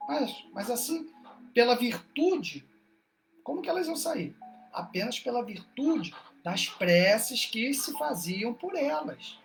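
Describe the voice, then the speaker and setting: Brazilian woman lecturing online, pitch rising and falling a lot, slightly high voice, faint music underneath. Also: very animated, slow, creaky. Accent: Brazilian Portuguese. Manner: asks rhetorical questions, frequent "né?". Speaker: speaker at a spiritist study group. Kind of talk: explanatory talk on a religious text. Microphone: online livestream.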